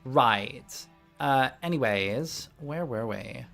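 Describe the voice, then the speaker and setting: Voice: medium pitch, expressive, takes it slowly, gravelly, fairly bright tone, soft background music. A game master running a tabletop game, chatting and narrating in a profane, giggly way with a Valley Girl drawl. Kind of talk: casual chat and game narration.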